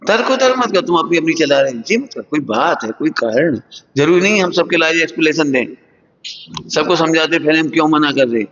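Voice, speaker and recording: A man giving a morning religious sermon to students, teaching with lively, acted-out scoldings and frequent chuckles. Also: a little fast. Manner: lively, acts out scoldings with sudden high jumps; chuckles often while teaching. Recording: echoey hall, dull lo-fi sound.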